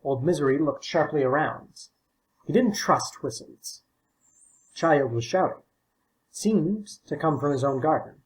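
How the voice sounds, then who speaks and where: A man's voice: on the high side, animated, a little slow, poor audio. Man reading a short story aloud. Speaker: audiobook narrator. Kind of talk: scripted story narration.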